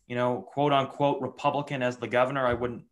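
Fast-talking man host. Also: mid-range voice, level tone. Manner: rambling questions with restarts. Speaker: podcast host. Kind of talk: conversational interview.

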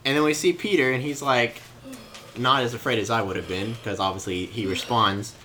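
A man's voice: medium pitch, a little fast, slight background noise. A young man leading a casual Bible lesson, telling the story with jokes and laughs. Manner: joking, animated storytelling with laughs. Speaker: youth Bible study leader. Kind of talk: casual teaching.

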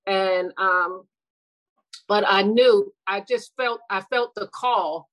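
She's a middle-aged woman who used to work as a school administrator, and she talks slowly at a medium pitch during a casual interview. Her manner is sincere and reflective, full of restarts and gentle laughter. There's no room sound, but the audio quality is poor.

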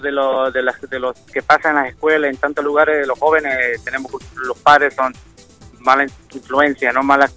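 A man calling into a radio show, giving his opinion in a rambling, halting way. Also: medium pitch, level tone, sharp tone, faint music behind. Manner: rambling, halting, tags "viste". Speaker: radio caller. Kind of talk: casual call-in opinion.

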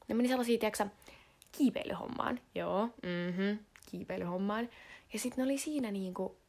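A teenage girl from Finland talking in a casual monologue, slangy and dramatic, swearing often and jumping between whispers and loud outbursts. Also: mid-range voice, vocal fry. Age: teens.

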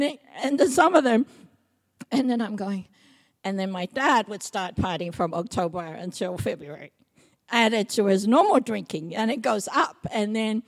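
A middle-aged woman from Samoa preaching a personal testimony sermon. She tells her story with lively, animated delivery, slipping into the voices of the people she quotes. Her pitch sits at an ordinary middle height for a woman. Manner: lively storytelling, acts out quotes, laughs often.

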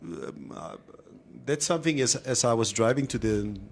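A man's voice: medium pitch, normal speed, slight background noise. A man hosting a casual, opinionated discussion, slipping in Afrikaans phrases. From South Africa. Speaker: talk show host.

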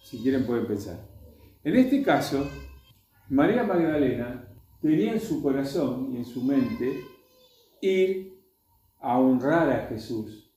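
Argentine male Bible teacher, warm low-bright voice, reads then explains, very echoey room. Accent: Argentine Spanish. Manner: reads aloud, then stops to add plain explanations. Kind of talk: reading scripture and explaining to a group.

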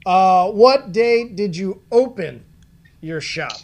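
High-voiced unhurried man in his forties. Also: expressive, a little mellow. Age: 40s. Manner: laughs often, loose and rambling questions. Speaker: podcast host. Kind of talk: casual interview chat.

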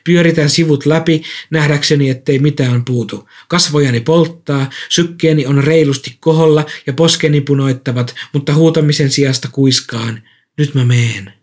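Man calmly reading a story. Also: on the high side. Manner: calm, measured storytelling. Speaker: narrator. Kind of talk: first-person story reading.

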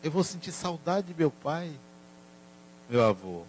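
A man voicing his sad four-year-old grandson in a soft, halting, tearful way, in a spoken story. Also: a little high, very animated, a little hiss or hum.

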